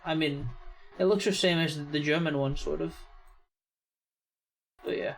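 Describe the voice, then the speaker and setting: A man's voice: fairly high pitch, fairly even intonation, unhurried, gravelly, poor audio. A young American man hosting a reaction channel, giving loose, rambling casual commentary full of "I mean" and "yeah". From United States.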